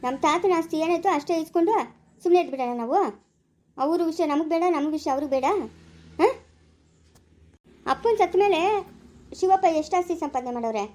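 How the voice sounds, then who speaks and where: A very high, scolding village woman with a Chikkaballapura Kannada accent, played by a woman in a home-made family drama. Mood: lecturing. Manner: scolding, quick-tempered, sharp-tongued.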